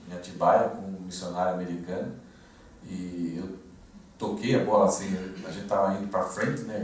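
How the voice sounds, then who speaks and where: Pastor telling stories in a sermon, lots of um and restarts, far from the mic, very echoey church hall. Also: male voice, on the low side, a little mellow. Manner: conversational storytelling with many fillers and restarts. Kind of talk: expository sermon. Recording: echoey room, distant mic, faint noise.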